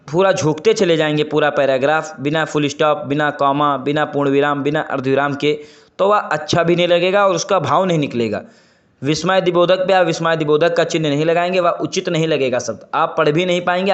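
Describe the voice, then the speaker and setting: A man's voice: a little high, fairly bright tone, muffled recording. A man teaching an online exam prep lesson, stressing key terms by repeating them and promising the viewers they will not go wrong. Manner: emphatic, repeats key terms and list items; addresses viewers as friends, makes promises.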